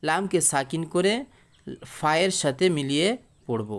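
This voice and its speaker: A man's voice: on the high side, animated, normal speed, a bit bright. A man teaching Quran reading in Bengali, spelling out each syllable and then chanting the verse in a raised voice. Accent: Bangladeshi Bengali. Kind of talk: spelling-out recitation lesson.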